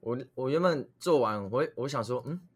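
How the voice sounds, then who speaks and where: A man's voice: medium pitch, animated, moderate pace. A man, co-hosting a podcast with laid-back, teasing remarks. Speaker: podcast co-host. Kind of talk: casual chat.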